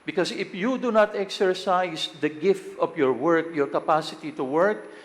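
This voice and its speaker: A man who is a priest, with a Filipino accent, chanting and preaching at Mass in a slow, deliberate way while mixing English and Filipino, his voice carrying a cathedral echo. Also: fairly high pitch. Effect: cathedral echo, long church reverb. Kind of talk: chanted liturgy and homily at Mass. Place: large church. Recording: long reverb of a large church.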